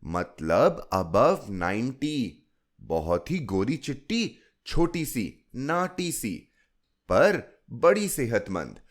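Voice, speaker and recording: A man voicing a fond fifty-year-old woman who coaxes a child with a story in a gentle, lilting way. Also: medium pitch, big pitch swings, very slow, full character voice. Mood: coaxing. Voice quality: coaxing, storytelling lilt.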